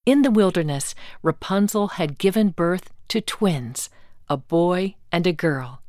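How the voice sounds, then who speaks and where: A woman reading a fairy tale aloud as scripted storybook narration, calm and deliberate. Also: fairly low pitch, no room sound, studio quality.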